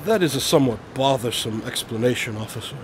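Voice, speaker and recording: In a radio drama, a man plays a brilliant, aloof detective explaining his deductions, speaking formally, precisely, and matter-of-factly. His mid-range voice is expressive and quick, close to an everyday voice, and he sounds confident and probing. There's slight background noise.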